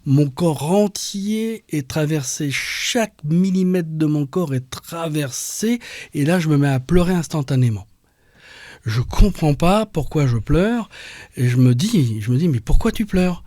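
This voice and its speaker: A man telling a personal story in an interview, halting and restarting often as he recalls it. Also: a little high, lively intonation, warm tone, dry recording. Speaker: interview guest. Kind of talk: personal testimony.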